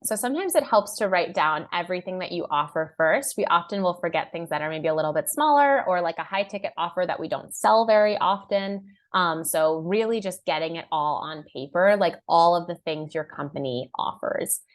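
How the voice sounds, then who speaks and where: A young woman giving an online marketing class in an upbeat, conversational way, full of "like" and quick acted-out asides. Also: on the low side, expressive. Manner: upbeat and conversational, heavy use of "like"; acts out clients' and buyers' lines in a raised voice. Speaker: marketing workshop presenter.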